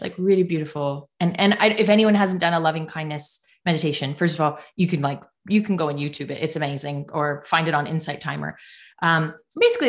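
A woman guest telling stories in a casual interview, animated and self-mocking, laughing often as she talks. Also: low-pitched, creaky. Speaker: podcast guest.

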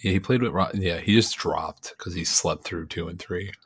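A man's voice: low-pitched, normal speed, slightly rough. A man co-hosting a podcast in casual chat, rambling with lots of fillers and easy laughter. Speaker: podcast co-host.

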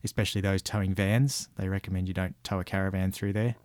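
A man with a deep voice and a broad Australian accent talks in an easygoing, colloquial way. He gives casual travel advice, and the recording is dry with very little room sound. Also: steady tone, fast, darkish tone, no echo. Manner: laid-back, colloquial. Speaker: guest recounting an outback road trip.

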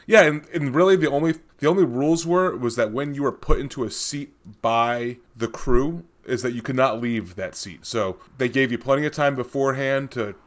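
A man co-hosting a casual podcast, telling a relaxed, jokey story to friends. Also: medium pitch, moderate pace, hardly any pauses. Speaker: podcast co-host. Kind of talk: casual chat.

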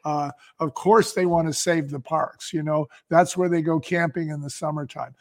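An American company founder, speaking as an interview guest, tells stories in a conversational yet emphatic way and likes rhetorical questions. His voice sits fairly high, with a steady tone and moderate pace.

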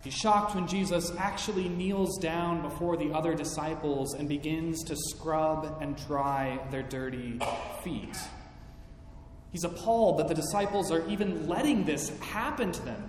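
Slow-preaching man in an echoey hall. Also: on the high side. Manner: slow, emphatic preaching with dramatic voiced quotes. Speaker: pastor. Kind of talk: sermon. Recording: echoey hall with faint background noise.

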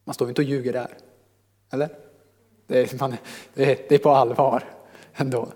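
A man preaching a sermon to a congregation in a lively, conversational way, joking with the listeners. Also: medium pitch, long reverb tail. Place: church hall.

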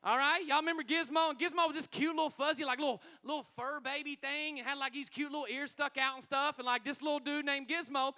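A middle-aged man preaching a sermon as pastor, energetic and calling out to his congregation in a church hall. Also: very high-pitched, quick pace, hardly any pauses.

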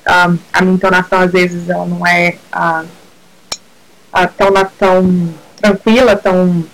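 A woman's voice: on the low side, little pitch movement, normal speed, poor audio. A middle-aged woman from Brazil, a guest in a casual interview, talking hesitantly with many restarts and mixing in English words.

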